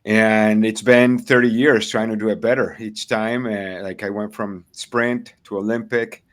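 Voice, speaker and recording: A man's voice: on the low side, level tone, unhurried. A middle-aged man from Venezuela, a triathlon coach and guest, chatting casually with frequent fillers, restarts and easy laughter. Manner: hesitant, many fillers and restarts, laughs easily. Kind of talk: casual interview chat.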